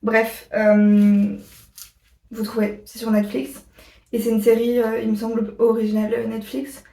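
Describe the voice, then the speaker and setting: A woman vlogger chatting casually to her viewers, rambling and pausing often on fillers. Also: on the high side, completely flat delivery, gravelly, mellow, distant mic. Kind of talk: casual chat to camera. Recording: echoey room, voice a bit off-mic.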